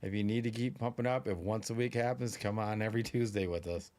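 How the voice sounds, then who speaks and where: A man's voice: on the low side, steady tone, quick pace, a little mellow. A man co-hosting a live stream, talking in a loose, rambling, chatty way with plenty of fillers. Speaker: podcast co-host. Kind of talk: casual live-stream chat.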